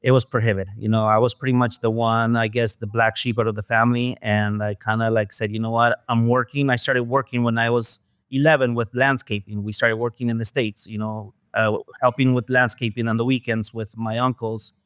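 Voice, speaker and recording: A man from Mexico, a guest in an interview, talking in a soft, hesitant way with many fillers. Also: mid-range voice, flat delivery, a little fast, few pauses, clean tone, dry recording, studio quality. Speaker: guest, restaurant owner. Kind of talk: casual interview talk.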